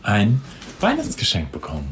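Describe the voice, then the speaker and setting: A man with a rather low voice that swings up and down a lot, chatting casually as a podcast co-host. He stumbles and restarts while joking with his friend. There is clear background noise on the recording. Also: huge pitch swings, normal speed. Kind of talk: casual chat. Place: studio with table mics.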